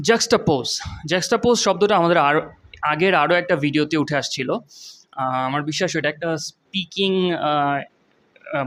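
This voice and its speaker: A young man, teaching English vocabulary in a casual lesson, reading English examples slowly and explaining them with many fillers. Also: a little high, fairly bright tone. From Bangladesh. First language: Bengali.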